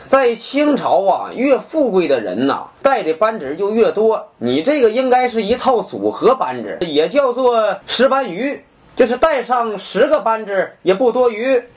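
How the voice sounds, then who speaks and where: A young man plays a mock antique appraiser in a deadpan, expert-sounding way with drawn-out pauses. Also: high-pitched. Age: young adult. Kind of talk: mock appraisal comedy skit.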